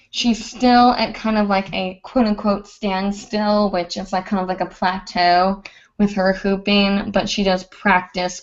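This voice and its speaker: A woman's voice: medium pitch, dull audio. A woman hosting a live hooping show, chatting casually and a bit out of breath, rambling with lots of fillers. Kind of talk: casual live-stream chat.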